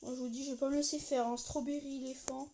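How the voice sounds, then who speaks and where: A woman's voice: high voice, flat delivery, quick pace, dark tone, slight background noise. A woman doing casual live gameplay commentary as a raging gamer, complaining in frustration and cursing at the game. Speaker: gaming video creator. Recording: music behind the voice. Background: music.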